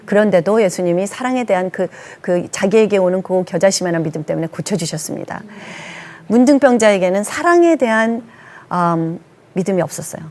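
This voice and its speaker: A woman's voice: mid-range voice, expressive, fairly quick, a little mellow. A Korean woman pastor in her sixties giving an earnest, emphatic testimony sermon, acting out the lines she quotes.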